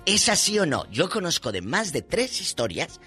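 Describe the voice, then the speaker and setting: Man, Mexican accent, highish bright voice, playful teasing radio co-host, colloquial, faint music behind. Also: sing-song, moderate pace. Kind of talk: casual radio chat.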